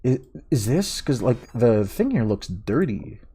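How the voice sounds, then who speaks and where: A man giving live commentary as he streams a horror game, jumpy and scared, thinking aloud in short, halting phrases. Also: mid-range voice, big pitch swings, warm tone, slightly rough.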